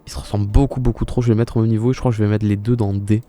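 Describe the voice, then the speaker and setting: A young male streamer with a mellow, dark-toned voice, chatting casually and exclaiming as he answers his viewers. Faint music plays behind him. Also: lowish voice, level tone, racing. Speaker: live streamer. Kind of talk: casual live-stream commentary.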